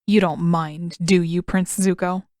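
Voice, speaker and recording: Picture a cold, condescending male admiral whose every word drips with sarcasm and mockery, as a woman reader puts him on. The tone sits a touch lower than usual for her, and the sound is dry and close. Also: moderate pace, no room sound, close to an everyday voice. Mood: smug. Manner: mocking, sarcastic. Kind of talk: fan audiobook reading.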